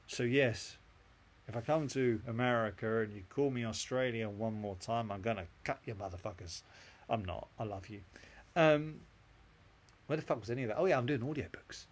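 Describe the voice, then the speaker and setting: A man's voice: mid-range voice, normal speed. An English man and author talking in a casual, profane, joking vlog monologue. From England.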